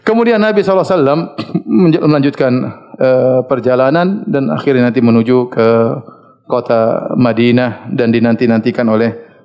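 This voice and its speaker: A man giving an Islamic study lecture. He tells the story in a lively way, chuckling often and stopping to search for words. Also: mid-range voice, normal speed, lo-fi sound. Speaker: Islamic preacher.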